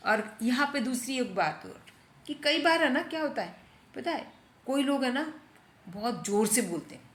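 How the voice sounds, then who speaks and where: A woman teaching English sentences in a slightly high voice. She sounds out each example slowly and repeats it before explaining it. Her voice echoes around a reverberant room. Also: lively intonation. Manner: repeats phrases and asks rhetorical checks. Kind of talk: spoken English lesson.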